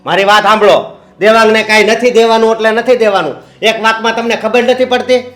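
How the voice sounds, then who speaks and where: A man playing a grasping, stubborn son in a family film drama, arguing and insisting on his claim as heir. His voice sits high for a man and rings in an echoey room with soft music underneath. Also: steady tone, brisk. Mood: insistent. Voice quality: insistent, nagging, demanding. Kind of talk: Gujarati short film acting.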